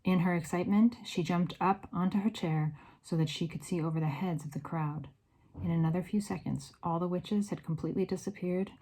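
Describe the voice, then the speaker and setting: A woman reading a children's novel aloud in an expressive, varied storytelling manner. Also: on the low side, low-quality recording. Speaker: read-aloud narrator.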